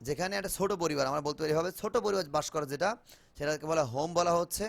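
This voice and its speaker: A Bengali-accented man holds an online spoken English lesson over video, mixing both languages and slowly repeating words for his class. His voice is slightly high, with some vocal fry.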